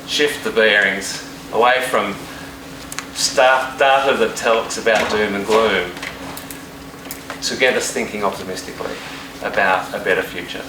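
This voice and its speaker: Deep-voiced dean speaking from far off. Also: male voice. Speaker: university dean. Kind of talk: speech at a launch event. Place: event hall. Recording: distant and echoey with room hum.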